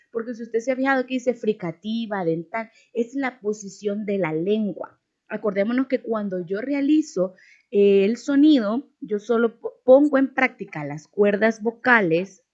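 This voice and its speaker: A woman's voice: on the high side, highs cut off. A woman teaching a language lesson over a video, patiently spelling out letters and sounds one by one.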